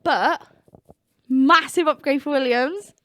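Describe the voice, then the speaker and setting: A young woman co-hosting a podcast in casual chat, chatty and quick to laugh. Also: high-pitched, bright, forceful tone, no echo, studio quality. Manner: chatty, laughs often, swears in asides. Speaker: podcast co-host.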